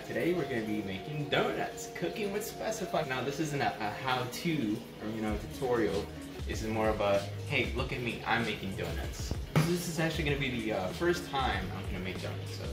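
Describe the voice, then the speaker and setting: A young man rambling in a goofy, self-deprecating way while he cooks in a home kitchen. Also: medium pitch. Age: young adult. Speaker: vlogger. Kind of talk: casual cooking vlog. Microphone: camera held by someone a few steps away. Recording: echoey kitchen, far from mic, loud music behind.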